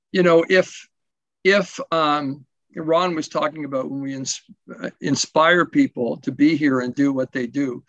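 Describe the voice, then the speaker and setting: A man's voice: on the high side, a bit bright, no room sound, highs cut off. A man from Canada's west coast giving a rambling, self-deprecating talk at a recovery event over a video call, full of fillers and restarts. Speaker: guest speaker at a recovery symposium. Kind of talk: casual personal share over video call. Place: home in Portugal, late at night.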